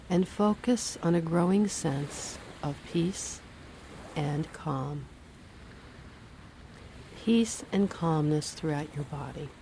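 Low calm woman reading a relaxation script real slow, soothing. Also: a little hiss or hum. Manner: slow, soothing, measured phrasing. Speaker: hypnosis guide.

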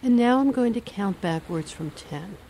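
A woman reading a guided relaxation and hypnosis script in a slow, soothing, measured way. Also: medium pitch, animated, dark tone, slight background noise.

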